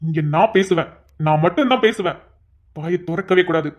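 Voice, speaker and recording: A woman's voice: fairly low pitch, close to an everyday voice. A woman doing a furious, domineering young husband. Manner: commanding, harsh, rapid. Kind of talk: cartoon voice acting.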